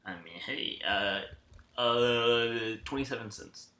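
A man hosting a sports podcast in casual chat, halting and often restarting his sentences. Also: medium pitch, sharp tone. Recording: roomy, echoing sound.

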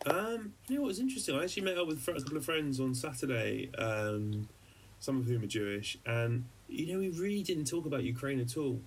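A journalist co-hosting a podcast talks briskly and expressively in a medium-pitched voice, recorded on a distant mic with a little hiss or hum. He tells a personal story conversationally, rambling, hesitating and restarting often.

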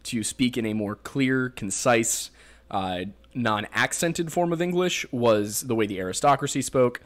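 A man with a Pennsylvania accent talks casually on a podcast, his voice sitting a little low. He rambles through his explanations, tossing in jokes and plenty of filler words. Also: a bit bright. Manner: rambling, joking, explaining folklore with many fillers. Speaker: podcast host.

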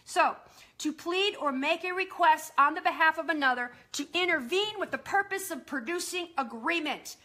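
A woman preaching in a live-streamed sermon, her voice high and ringing bright. She talks fast and earnestly, working scripture into her teaching.

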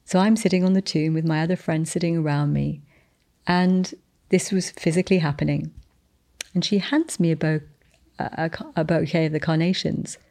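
A woman earnestly telling a testimony of a spiritual encounter, with restarts and slowed, emphatic phrases. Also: sits low, fairly even intonation, vocal fry, dark tone. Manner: descendant of the Boleyn family telling a spiritual encounter. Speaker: guest sharing a testimony. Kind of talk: storytelling testimony.

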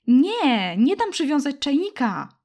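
A woman voicing a small, scrappy red-haired girl in an audiobook, high and excitable. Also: normal speed. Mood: pleading. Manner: high, excitable and tearful when upset. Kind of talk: audiobook character voice.

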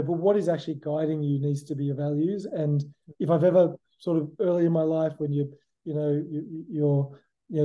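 The audio is dull as a middle-aged Australian man, his voice a little high, responds to interview questions as a guest. He's reflective and conversational, frequently dropping in "you know" and "look."

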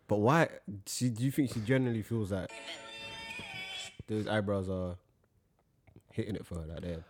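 A man's voice: on the low side, normal speed, over music. A young man with a London roadman accent, co-hosting casual banter in a colloquial, questioning way. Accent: London, urban roadman slang.

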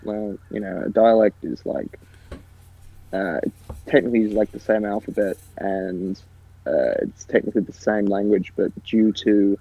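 A young Australian man co-hosting a comedy podcast, riffing absurd ideas in a rambling, deadpan way. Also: on the low side, creaky, dry recording, highs cut off. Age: young adult. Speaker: podcast co-host. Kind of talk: casual comedy chat.

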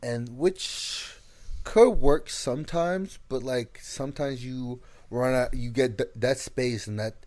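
A man's voice: medium pitch, slow, a little mellow. A man co-hosting a casual podcast, talking loosely and leaning on "like" and other fillers. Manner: loose, filler-heavy, often uses "like". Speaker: podcast co-host. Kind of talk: casual chat.

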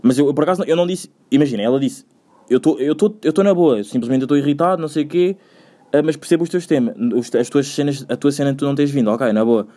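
A young man with a European Portuguese accent rambles through a casual solo podcast at a rapid clip. His voice is mellow and relaxed. He is slangy, swears often and circles back on his own words. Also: on the high side. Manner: rambling, slangy, swears a lot, repeats himself. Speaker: podcast host.

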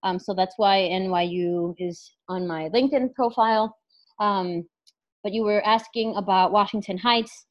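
With a mid-range voice at a moderate pace, this New York woman, a clinical psychologist and life coach, answers as an interview guest. Her manner is casual and thoughtful, riddled with fillers and restarts, and the recording is muffled.

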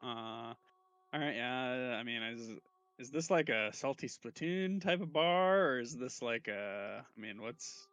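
A man's voice: medium pitch, unhurried, fairly bright tone, dry recording. A man playing a tabletop game, who rambles, hesitates and swears casually. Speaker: player.

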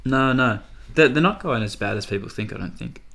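A man's voice: mid-range voice, a little fast, creaky, a bit bright. An Australian man chatting casually through horse racing form as a tipster, in a tentative, hedging way. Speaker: racing tipster, podcast co-host. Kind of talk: casual racing analysis chat.

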